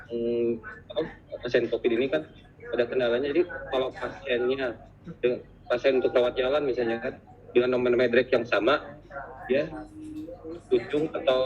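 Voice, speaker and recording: A man asking a question in an online meeting, halting and full of fillers, his call audio choppy and cutting out. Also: mid-range voice. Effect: choppy online call audio that keeps cutting out. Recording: dull lo-fi call audio breaking up.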